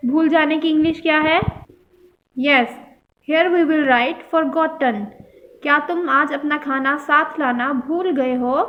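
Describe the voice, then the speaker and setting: A woman teacher giving an English grammar lesson, reading sentences slowly and carefully and explaining them. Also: sits high, dull audio. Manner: reads English slowly and deliberately, explains in Hindustani.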